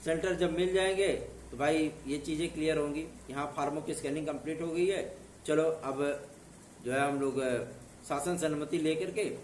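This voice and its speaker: Hoarse from a sore throat, a northern Indian man hosting an exam news channel speaks straight to camera in a casual update, earnest and reassuring, with frequent tag questions to his audience. His fairly high voice sounds distant and off-mic in an echoey room, with a little hiss or hum.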